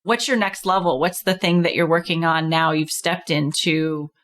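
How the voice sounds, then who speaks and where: A woman's voice: deep voice, fairly even intonation, moderate pace, fairly bright tone. A woman hosting a business coaching podcast, chatting casually and encouragingly with a guest. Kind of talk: casual interview chat.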